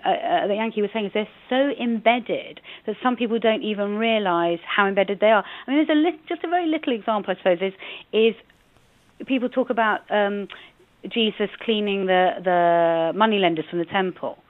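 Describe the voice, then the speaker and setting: A woman's voice: medium pitch, moderate pace. A woman from England, a museum guest, speaking in a radio interview with many restarts over a phone line.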